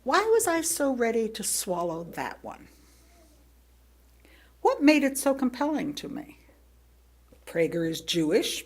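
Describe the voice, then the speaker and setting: A lay speaker with a mid-range voice reads a sermon from a prepared text. She is reflective, using rhetorical questions and deliberate pauses.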